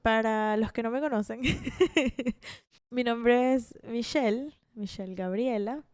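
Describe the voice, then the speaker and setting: A woman's voice: fairly high pitch, takes it slowly, a little mellow, clean tone, no room sound, clean studio sound. A woman in her twenties with a Venezuelan accent, hosting a podcast in a chatty, self-deprecating monologue full of restarts. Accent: Venezuelan Spanish. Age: 20s. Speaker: podcast host. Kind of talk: casual monologue.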